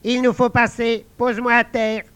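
A man voicing a magical female frog who calmly guides a soldier in a storybook tale. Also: very high voice, normal speed, clear, resonant tone, pitched above the performer's own voice. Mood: coaxing. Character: magical helpful female frog, calm and encouraging. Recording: dull lo-fi dry recording.

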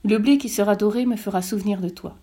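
A woman voicing a wise, gentle fox in a storybook reading, calm and measured as it explains. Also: mid-range voice, husky, lightly acted. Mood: musing.

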